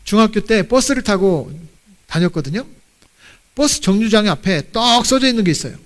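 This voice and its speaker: A middle-aged man preaching a sermon as pastor in a church, animated and leading the congregation in call-and-response. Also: high voice, normal speed. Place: church sanctuary.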